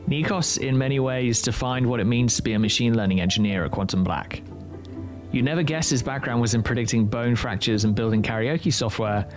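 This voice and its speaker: A man hosting an interview series, reading a polished intro and then asking questions. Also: mid-range voice. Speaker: podcast host. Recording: music bed under the voice.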